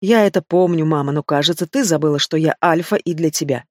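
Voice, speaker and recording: A man's voice: fairly high pitch, fast, dry recording, close to an everyday voice. A man voicing a stern werewolf pack alpha. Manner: commanding, clipped.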